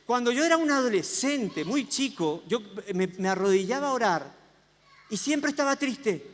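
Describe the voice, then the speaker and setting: A man's voice: high-pitched, a bit bright, long reverb tail. A man preaching a sermon with a Rioplatense accent, telling stories with self-mocking humor. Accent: Rioplatense Spanish. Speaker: pastor.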